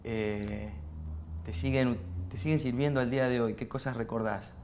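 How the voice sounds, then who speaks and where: A man with an Argentine accent hosting an interview, asking questions with halting repetitions and offering short affirmations. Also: medium pitch, fairly even intonation, darkish tone, soft background music. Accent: Argentine Spanish.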